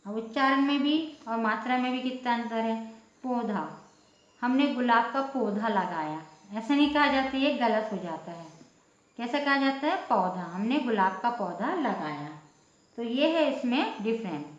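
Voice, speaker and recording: A woman's voice: on the high side, lively intonation, measured pace. A woman teaching a Hindi lesson, explaining patiently, repeating words and checking that listeners follow. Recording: echoey room, dull lo-fi sound.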